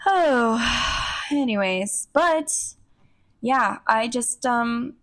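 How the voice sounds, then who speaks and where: Young woman, podcast host, solo monologue, rambling and self-interrupting, casual swearing, slightly high voice, slow pace. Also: animated, fairly bright tone.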